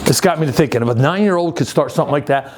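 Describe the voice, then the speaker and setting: A man in his sixties giving a casual, upbeat youth-pastor style talk, conversational and halting, repeating phrases for emphasis. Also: a little high, animated, noisy background. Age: 60s. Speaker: youth group leader.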